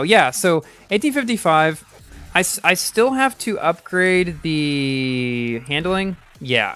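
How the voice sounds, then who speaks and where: Male live streamer, bright animated voice, casual running commentary over faint music. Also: on the high side. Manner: chatty, reacts aloud to the game, many restarts. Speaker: game streamer.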